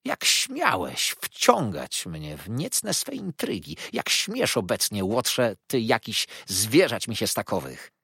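A man voicing an indignant, hot-tempered young man who speaks loudly and quickly. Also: lowish voice, big pitch swings, creaky, breathy edge, dry recording, clean studio sound, voice pushed up, full character voice. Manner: loud and fast.

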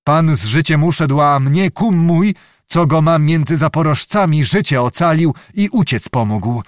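A man's voice: animated, measured pace, no room sound, studio quality. A man voicing a frightened servant messenger, urgent and alarmed, in an audiobook reading. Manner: urgent and alarmed, pitched high above the narration.

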